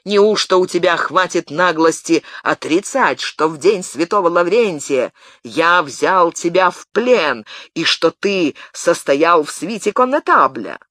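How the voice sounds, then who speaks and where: A man's voice: on the high side, lively intonation, unhurried, bright, forceful tone, no room sound, clean studio sound, exaggerated voice. A man reading an audiobook, voicing a harsh, contemptuous cavalry commander who gives orders. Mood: angry.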